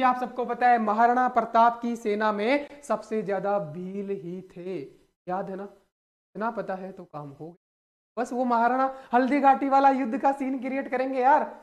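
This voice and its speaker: Young male teacher, theatrical exam-prep delivery, keeps repeating lines and acting out voices. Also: very high-pitched. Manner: theatrical, repeats words, speaks in little acted-out voices. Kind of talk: animated exam-prep lesson.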